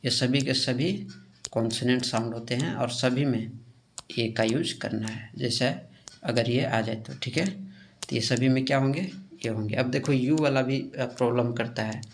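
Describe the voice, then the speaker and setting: A man's voice: medium pitch, steady tone, moderate pace, a little hiss or hum. A male teacher explaining grammar step by step in a classroom lesson, asking questions and answering them himself. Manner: explains step by step with frequent "theek hai" check-ins.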